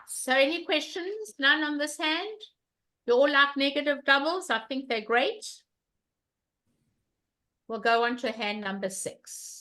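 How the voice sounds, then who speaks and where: Teaching a bridge class online over a webcam, an older woman speaks loudly and emphatically, repeating her questions to the students. Her voice sits on the high side.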